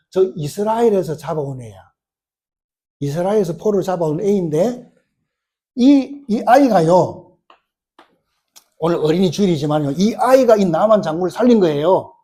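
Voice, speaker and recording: A man preaching in a church with a high, husky voice. His tone is dark and mellow. He tells the story with lively questions to the congregation and acts out each quoted line. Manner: storytelling with rhetorical questions, acting out quoted lines. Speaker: pastor. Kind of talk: sermon. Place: church sanctuary.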